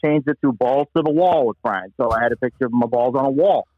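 A man from Pennsylvania calling in over a bad phone connection, telling a rambling, halting story. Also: mid-range voice, no echo. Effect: phone call over a bad connection. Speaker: caller. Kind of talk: call-in to a comedy podcast. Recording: dull lo-fi phone line.

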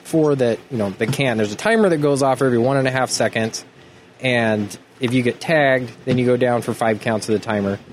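Male podcast guest, mid-range voice, halting explainer with restarts, casual delivery, noisy room ambience. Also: mid-range voice. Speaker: guest, tattoo artist and sports club organiser. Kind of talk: casual chat.

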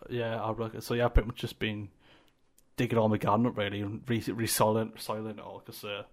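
Laid-back young man, low voice. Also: flat delivery, a little fast. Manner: laid-back, rambling with fillers. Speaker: podcast co-host. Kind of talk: casual chat.

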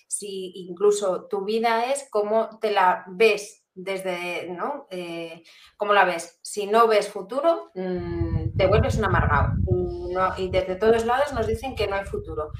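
A woman's voice: medium pitch, a little slow. Woman, casual joking chat, laughs easily, echoey room. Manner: laughs often, loose and joking. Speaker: guest philosopher answering questions. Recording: roomy echo with faint noise.

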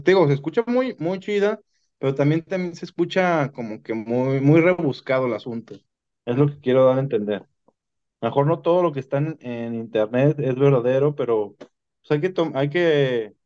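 His voice is medium in pitch and slightly mellow. As a guest on a podcast, this Mexican Spanish-accented man wanders through paranormal tales in casual talk, frequently starting his sentences over, all in dull lo-fi audio.

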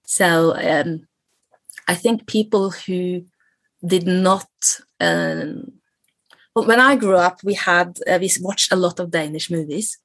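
This middle-aged Norwegian woman lectures on Norse myth and appears as a guest in a casual interview, speaking English with a Norwegian accent. Her voice is lowish, sing-song and fairly bright, her pace slow, with no echo. She's thoughtful and hesitant, often restarting and laughing.

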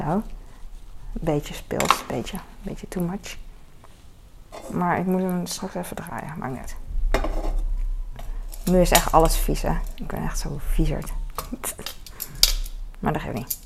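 A woman's voice: fairly low pitch, unhurried, gravelly, pauses often. A woman chatting casually while cooking in her home kitchen, rambling and self-mocking with lots of fillers. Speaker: home cook vlogger. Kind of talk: casual cooking vlog chat. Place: home kitchen with sizzling pan. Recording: noisy home kitchen recording. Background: frying and sizzling sounds.

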